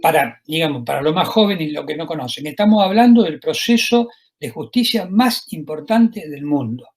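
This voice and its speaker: A husky, slightly high-pitched man with an Argentine accent delivers a university lecture. He talks in a discursive way, stopping often on filler words and checking in with his listeners through tag questions. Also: animated, moderate pace. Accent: Argentine Spanish. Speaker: law professor lecturing.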